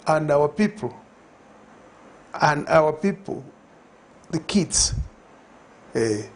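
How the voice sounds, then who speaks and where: An older Zambian-accented man, guesting in a conversational TV studio interview, speaks reflectively through a lapel mic with many fillers and restarts. His voice is on the high side with lively intonation, and he talks extremely slowly.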